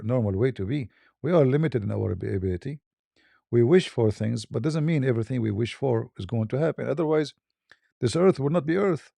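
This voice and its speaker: A man's voice: medium pitch, gravelly, mellow, no echo. A man giving a casual, conversational monologue in plain non-native English, often repeating and restarting his words. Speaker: online religious debater. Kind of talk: casual monologue answering questions.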